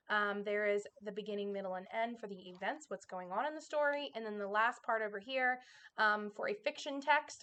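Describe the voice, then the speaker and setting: A woman's voice: mid-range voice, a bit bright. A woman kindergarten teacher giving an informal, conversational presentation to parents, explaining things directly.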